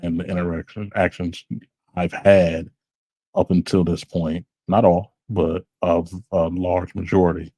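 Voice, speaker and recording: A man co-hosting a podcast, speaking in a halting, reflective way with many fillers, in a small dry room. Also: low voice, little pitch movement, mellow, breathy edge, dry recording. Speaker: podcast co-host. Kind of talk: casual chat.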